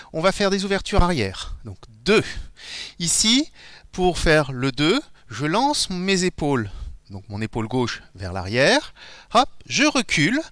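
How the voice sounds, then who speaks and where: A middle-aged Frenchman teaches a live online dance lesson from a dance studio, counting beats aloud as he demonstrates steps. His voice is on the high side and a bit bright. The sound comes from a far camera and is dry.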